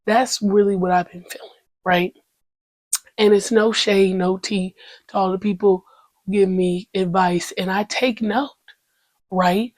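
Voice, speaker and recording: In a dry recording, a woman with a mid-range, slightly mellow voice talks in a steady, unhurried way, pausing often. She hosts her own podcast, giving a loose, slangy, faith-filled monologue full of casual swearing and bursts of praise. She sounds congested, and her voice is still recovering.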